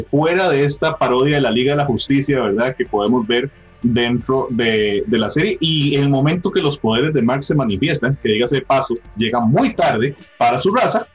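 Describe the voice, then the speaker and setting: Husky man explaining at length. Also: mid-range voice. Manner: explanatory, tag questions, many fillers. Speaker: podcast host. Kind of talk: casual chat.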